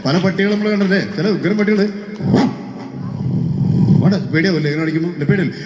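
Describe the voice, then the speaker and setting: A man hosting a mimicry act on stage, teasing the audience with quick questions. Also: sits high, darkish tone. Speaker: stage mimicry artist and host. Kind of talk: lively stage chat with the audience. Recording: echoey hall with faint music.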